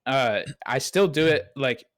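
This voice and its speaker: A man's voice: medium pitch, expressive, measured pace, a bit bright, dry recording, studio quality. A man, a game streamer being interviewed, speaking casually and reflectively. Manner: reflective, candid, with fillers and restarts. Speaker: streamer and guest.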